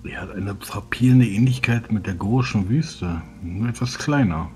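A man playing a tabletop role-playing game in character, deadpan, with formal phrasing. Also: lowish voice, normal speed. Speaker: role-play player. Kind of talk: improvised in-character tabletop talk. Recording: faint humming background noise.

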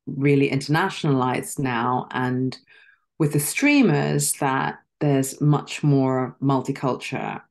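A middle-aged woman from Zimbabwe talks over a video call, and her voice carries a gravelly, creaky texture. She is articulate and thoughtful, pausing on ums as she reflects in casual interview chat. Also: extremely low pitch, steady tone. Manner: articulate, reflective, with soft laughs and filler ums. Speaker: actress and guest. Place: dim room at home.

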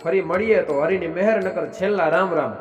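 Man doing a brave Rajput warrior chief, steady, resolute, high voice, echoey hall, soft music behind, folk tale. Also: a little fast, close to an everyday voice.

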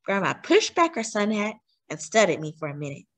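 Animated woman reading a children's book. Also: medium pitch, a little fast. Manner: expressive, animated. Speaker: teacher reading aloud. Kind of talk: children's storybook read-aloud.

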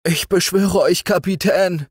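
A man's voice: high-pitched, steady tone, moderate pace, no echo, clean studio sound, voice pushed up, close to an everyday voice. A man voicing a young sailor desperately pleading his innocence in a told story. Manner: pleading, anguished.

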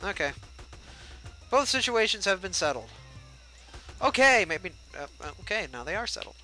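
A man's voice: high-pitched, sing-song, moderate pace, sharp tone, faint music behind, poor audio. A young man giving casual, joking let's-play commentary and chatting at the game's characters. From United States. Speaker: gameplay livestreamer.

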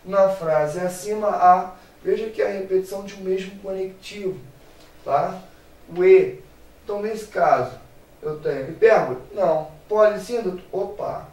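A fairly high-voiced man teaches a grammar lesson in a playful, animated way, tossing in English cheers as he works through exercises. He sounds some way off the mic in a roomy space with a clear echo. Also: moderate pace. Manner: lively, playful, drops English exclamations. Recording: echoey room, mic at a distance.

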